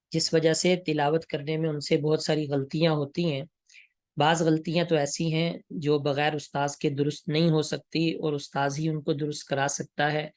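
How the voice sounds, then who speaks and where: A man with a slightly high voice gives a tajweed lesson on Quran recitation. He explains each point steadily and stretches out example syllables slowly so learners can follow. The sound is dry and close, with no room echo. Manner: slow, drawn-out demonstrations of Arabic pronunciation.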